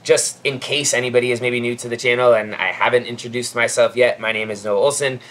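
A man's voice: mid-range voice, fairly even intonation, quick pace, fairly bright tone, a little hiss or hum. Upbeat chatty man in his thirties. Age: 30s. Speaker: host. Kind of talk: casual chat. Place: outdoor covered patio in a backyard.

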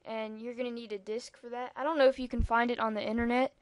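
A young-sounding woman narrates a rambling, casual computer tutorial over a screen recording, full of ums and asides. Her voice is a little high and fairly flat in pitch, moving at a quick pace, with no room sound.

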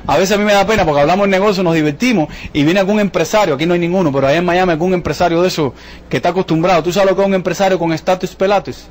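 A man pitches a business opportunity to a roomful of guests. His voice sits high and he talks at a rapid clip, joking and throwing rhetorical questions at the crowd. A faint room hum sits under him. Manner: jokey, rapid-fire, full of rhetorical questions. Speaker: business presenter. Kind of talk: motivational sales presentation. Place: event room with a live audience.

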